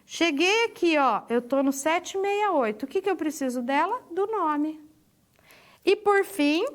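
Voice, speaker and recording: A woman's voice: high voice, fairly bright tone. A woman teacher explaining pointers in a recorded lecture, asking and answering her own questions and saying "ó" as she points. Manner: peppers speech with "ó" while pointing at a drawing. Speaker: programming teacher.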